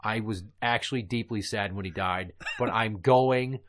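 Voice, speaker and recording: A man with a somewhat low voice hosting a comedy podcast. He chats casually, building up morbid gags with a little run-up and crude asides. His delivery is loose and conversational. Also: normal speed, slight background noise. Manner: dark crude joking, storytelling. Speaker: podcast host.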